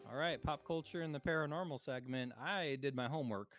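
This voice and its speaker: A man's voice: fairly high pitch, fairly quick, music in the background. A man co-hosting a podcast, talking in a chatty, joking way with many fillers. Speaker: podcast co-host. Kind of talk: casual chat.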